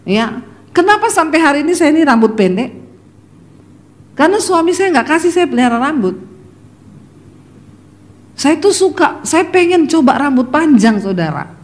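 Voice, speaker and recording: A woman's voice: sits high, very animated, normal speed, long pauses. A middle-aged woman delivers a sermon full of personal stories. She tells them vividly, slipping into her family members' voices and turning often to address the congregation directly. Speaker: preacher.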